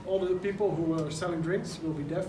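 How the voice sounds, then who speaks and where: At a press conference in a large indoor venue, a Dutch event organizer lays out his points earnestly and step by step at a brisk pace. His voice is a little high for a man, and the recording is echoey and noisy, with the mic placed well away from him.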